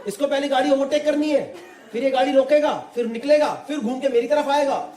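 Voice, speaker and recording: A man from the Delhi area doing a stand-up comedy set, telling an animated story in mixed Hindi and English and putting on voices for the people in it. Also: extremely high pitch, fairly quick. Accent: Delhi NCR Hindi. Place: live comedy venue with audience. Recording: echoey room, crowd laughter, background noise. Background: audience laughter.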